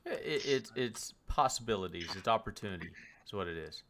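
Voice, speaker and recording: A man's voice: lowish voice, expressive, brisk, fairly bright tone, slight background noise. A man streaming a game, telling stories in loose, swearing casual chat. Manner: rambling storyteller, swears a lot.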